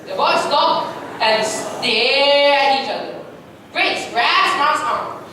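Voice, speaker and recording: A high-voiced woman reads scripted narration for a reader's theatre piece, captured from a distance in a very echoey room with clear background noise. She sounds expressive, slow, pushed, and bright.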